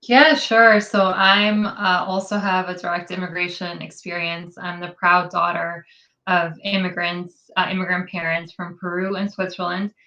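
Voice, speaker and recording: Woman advocate from New York, lowish pitch, bright forceful tone, detailed answers with ums, dull lo-fi audio. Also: level tone, normal speed. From New York City. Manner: articulate, detailed, with frequent ums. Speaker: immigrant rights advocate. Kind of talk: policy interview answers.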